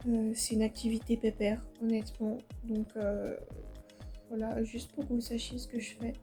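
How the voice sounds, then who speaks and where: 20yo girl vlogging, highish mellow voice, bit of a slushy lisp on s, chatty n self-deprecating. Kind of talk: casual chat to camera. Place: at home.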